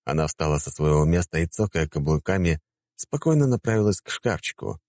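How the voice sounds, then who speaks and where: A man narrating an audiobook in a calm, wry, laid-back manner. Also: low-pitched, fairly quick.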